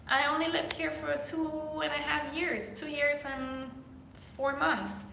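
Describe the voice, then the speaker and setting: Recorded in an echoey room with a noisy background, this young woman from Denmark speaks slowly in a high, creaky, steady voice. She's a fitness coach fielding viewer questions for a casual vlog, chatty and full of fillers, with a Danish accent.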